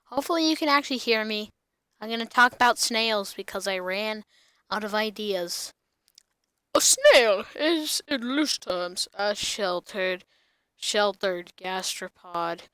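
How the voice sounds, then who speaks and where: A child host reads an article aloud at a slow pace, in a flat monotone. The voice is clean and smooth, with a dry, close sound free of room echo. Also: mid-range voice. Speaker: host of a snail facts show. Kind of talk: reading an encyclopedia article aloud to viewers.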